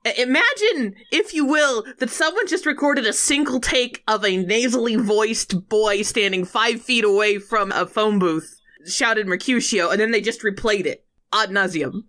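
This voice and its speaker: Bright-voiced woman recapping a film. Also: a little high, normal speed. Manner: animated, sardonic storytelling. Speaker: podcast co-host. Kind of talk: casual chat recapping a film.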